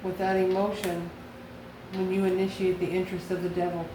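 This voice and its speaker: In an echoey room with constant background noise, a woman who hosts a tarot channel gives a casual reading directly to the viewer. Her voice is fairly low and slightly quick, and she thinks out loud, posing questions and answering them herself.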